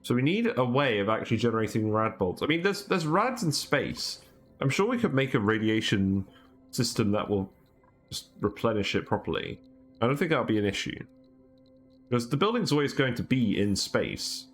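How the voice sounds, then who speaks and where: This is casual gameplay commentary from a man whose mid-range voice swings widely in pitch at a moderate pace. He rambles and thinks out loud, dropping fillers and soft laughs, while music plays faintly behind him.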